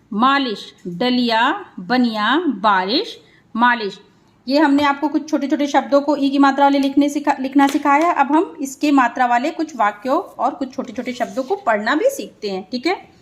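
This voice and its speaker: A woman teacher sounding out words syllable by syllable for children, then explaining in quick bursts. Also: high voice, lively intonation. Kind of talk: children's phonics lesson.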